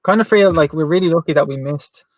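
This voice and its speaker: Irish man, guest on a live chat, rapid easy delivery, dry sound. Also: a little high, no room sound. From Ireland. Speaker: guest vanlife vlogger. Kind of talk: casual chat on a livestream.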